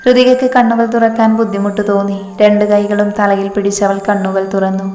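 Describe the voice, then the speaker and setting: A woman's voice: medium pitch, little pitch movement, fairly quick, mellow. Woman narrating a romance story. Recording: echoey room with long reverb, faint music.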